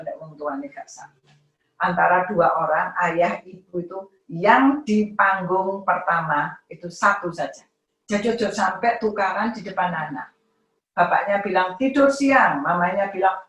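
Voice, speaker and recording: A middle-aged woman giving a lively parenting talk, acting out parents and children in high voices. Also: reverberant, distant mic, low-quality recording. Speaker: parenting seminar speaker.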